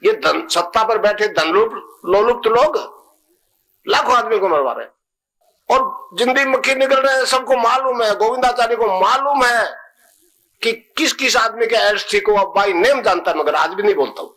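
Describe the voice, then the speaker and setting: A man's voice: high voice, moderate pace, sharp tone, poor audio. A man speaking as a spiritual guru to his followers, plain-spoken and repetitive, at times leading the listeners through a chanted mantra.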